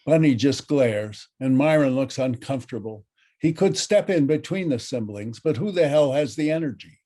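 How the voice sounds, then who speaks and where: A man reads out the stage directions of a script in a dry, matter-of-fact voice. His voice is mellow and warm, in a middle pitch. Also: lively intonation, moderate pace. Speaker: narrator.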